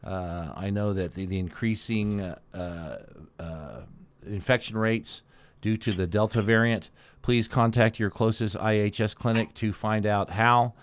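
Male community-news host, deep register, dry sound, deliberate and matter-of-fact semi-formal delivery. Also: steady tone, clean tone, no room sound.

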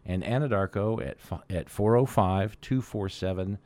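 A man hosting a community news update, giving semi-formal announcements in a deliberate, matter-of-fact way with frequent pauses. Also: sits low, darkish tone, no echo.

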